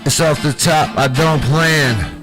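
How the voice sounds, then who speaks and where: Hosting a livestream show, a man from Chicago talks slowly in a slightly high voice over background music. His improvised banter is loose, profane, and swaggering, full of street slang and a Chicago accent.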